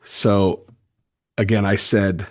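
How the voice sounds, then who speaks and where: A man's voice: lowish voice, level tone, slow, a little mellow. A man hosting a solo podcast, talking earnestly and emphatically, often stammering and restarting his sentences. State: fired up. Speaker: podcast host.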